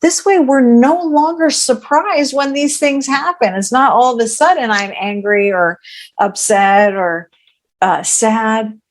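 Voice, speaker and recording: A woman's voice: fairly high pitch, measured pace. A woman coaching in a podcast interview, explaining earnestly, often checking in with "right?" and acting out inner thoughts aloud. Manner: acts out her own inner thoughts aloud. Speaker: joy coach guest.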